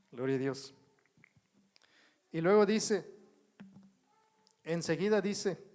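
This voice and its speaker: Slow-paced Mexican Spanish church teacher. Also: male voice, high voice, a little mellow. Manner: addresses the congregation as brothers, asks if they follow; writes on a board while explaining. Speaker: church brother teaching a Bible study. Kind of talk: slow, repetitive Bible teaching.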